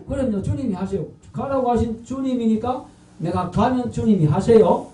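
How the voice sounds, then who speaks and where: Gyeongsang pastor guy, high-pitched, quizzes the crowd, far off in an echoey big church. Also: moderate pace, mellow. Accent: Gyeongsang Korean. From North Gyeongsang, Korea. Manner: quizzes the congregation and repeats their answers. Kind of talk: evangelistic sermon with call-and-response. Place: large church sanctuary. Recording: echoey and distant from the mic.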